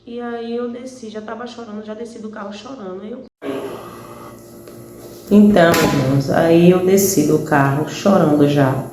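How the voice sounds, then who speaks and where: A woman's voice: mid-range voice, steady tone, normal speed, reverberant, background noise. A woman with a Brazilian Portuguese accent giving an earnest, conversational religious testimony, speaking to listeners as brothers and sisters in faith.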